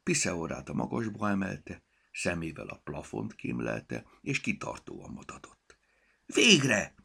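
A man reading a children's storybook aloud as narrator, with expressive delivery. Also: sits low, creaky, husky.

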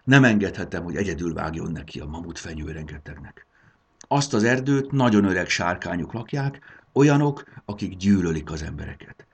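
A man's voice: sits low, lively intonation, slightly rough, heavily acted. A man voicing a brave young female dragon who speaks firmly and earnestly in a storybook reading. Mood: determined.

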